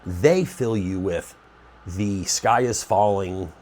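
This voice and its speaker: Talking slowly in a low, slightly mellow voice, this man sounds congested and nasal, as if he has a cold. On his own preparedness channel he chats casually to camera, rambling and frequently correcting himself.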